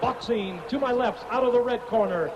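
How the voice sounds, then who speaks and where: A man working as a boxing ring announcer, giving formal, showy introductions in a declamatory, drawn-out delivery over an arena PA. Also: very high-pitched. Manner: declamatory, drawn-out delivery of fighters' names and records. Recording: echoey arena PA, muffled, crowd noise.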